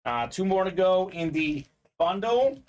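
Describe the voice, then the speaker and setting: A man hosting a live sports memorabilia break, talking in a bright, fairly high register. He keeps up a quick, chatty patter and reads viewer comments aloud. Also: big pitch swings. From Bulgaria. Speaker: sports card break host. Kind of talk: live-stream sales patter.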